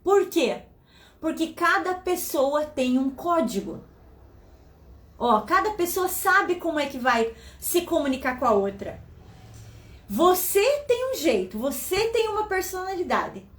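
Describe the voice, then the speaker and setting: A woman hosting a motivational talk for women, speaking fast, loud and very animated. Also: high voice, roomy sound. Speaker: host.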